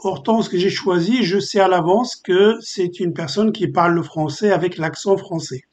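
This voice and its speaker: A man presenting a screen-recorded software tutorial, explaining step by step with frequent filler pauses. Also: high-pitched, dull audio, slight background noise. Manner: hesitant, many filler pauses.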